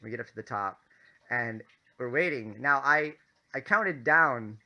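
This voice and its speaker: A man casually telling a story as a vlogger, animated and full of fillers. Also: mid-range voice, unhurried. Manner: animated, many fillers and restarts.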